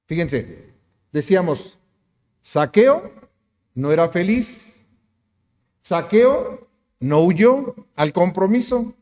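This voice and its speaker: A man's voice: high voice, sing-song, drawn-out words, long pauses, a little mellow, in a large hall. A man preaching a sermon as pastor, emphatic, asking the congregation rhetorical questions. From Mexico. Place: church sanctuary.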